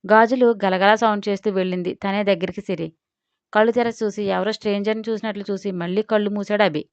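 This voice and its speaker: Brief: woman storyteller, expressive scripted narration, smooth and resonant. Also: medium pitch, fast, no room sound, muffled recording.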